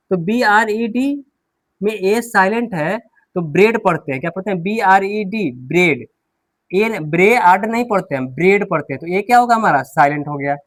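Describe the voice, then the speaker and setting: With no room sound in the recording, a man whose voice sits high explains English pronunciation at a board. He keeps asking the class questions he then answers, repeating the important words.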